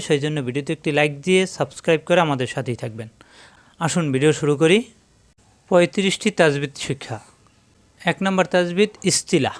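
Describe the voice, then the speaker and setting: Clear-voiced man teaching Quran recitation. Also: fairly high pitch. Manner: slow, drilling sounds syllable by syllable. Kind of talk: step-by-step tajweed lesson.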